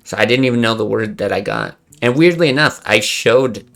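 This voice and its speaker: A young man streams a card game, chatting casually and thinking out loud while occasionally swearing under his breath. His medium-pitched, slightly bright voice moves fairly quickly over soft background music, in the manner of casual gameplay commentary.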